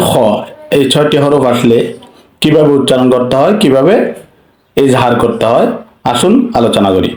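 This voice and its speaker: A man's voice: a little high, darkish tone, roomy sound, rough recording. A man teaching Quran recitation rules, spelling out letters and vowel marks one by one and chanting short verse examples. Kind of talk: tajweed lesson with recited examples.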